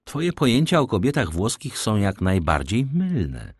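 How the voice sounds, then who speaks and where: A knowing young gentleman explains the world to his friend in a storybook reading, voiced by a man. The voice is low with animated rises. His tone stays wry and lecturing. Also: measured pace, breathy edge, no room sound, clean studio sound, exaggerated voice.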